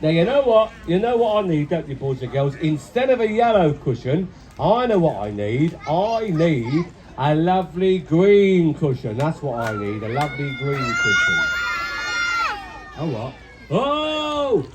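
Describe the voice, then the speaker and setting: A man with an English accent voicing an excitable, teasing clown puppet in an interactive children's show, exclaiming in pantomime style. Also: fairly high pitch, unhurried. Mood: playful, exclamatory. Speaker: Punch and Judy puppeteer. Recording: noisy outdoor recording with loud crowd.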